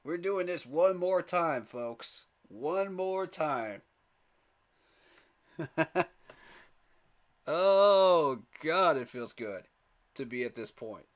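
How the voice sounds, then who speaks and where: Very slowly and with frequent pauses, a man with a fairly high voice and lively intonation hosts a live sports fan stream. He speaks right to his chat, emphatic and pleading, and chuckles at the rival fans.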